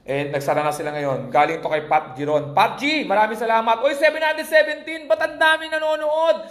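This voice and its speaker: A man hosts a casual livestream, reading comments aloud and cracking jokes. His voice sits high and bright with a sharp edge. The room around him sounds echoey. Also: brisk. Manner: jokey, laughs loudly at his own jokes. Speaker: livestream host.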